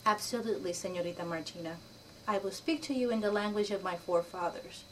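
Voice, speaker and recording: A woman voicing a gentle, courteous male mouse suitor in a soft, low voice, recorded from a distance with faint noise. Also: fast talker, lightly acted. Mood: courtly.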